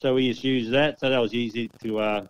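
An Australian man with a smooth, clear, medium-pitched voice gives a casual report as a club official. His delivery is easygoing and chatty. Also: fairly even intonation, a little fast, dull audio. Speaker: club official giving race results as guest.

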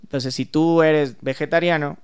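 Smooth-voiced man explaining music therapy. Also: fairly high pitch, steady tone, normal speed, darkish tone. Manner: explanatory, thinks aloud with hesitations. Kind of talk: casual podcast interview.

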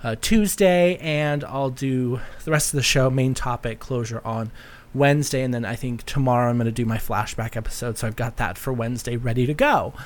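A man's voice: medium pitch, brisk. A man hosting a solo podcast in a casual, rambling, chatty way with a campy touch. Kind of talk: casual, rambling personal chat.

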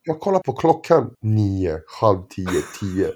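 Middle-aged guy, chatty storyteller, lots of restarts and acted-out quotes. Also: lowish voice. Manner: animated anecdotes with frequent restarts and "jag bara" quoting. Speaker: interview guest, former basketball player. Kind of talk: casual storytelling.

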